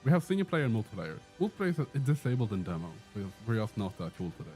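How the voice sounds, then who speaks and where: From an indoor room with a door, a Swedish-accented streamer from Sweden jokes and answers chat questions while playing live. His voice is on the low side, a little mellow, fast and sing-song, with faint music behind it.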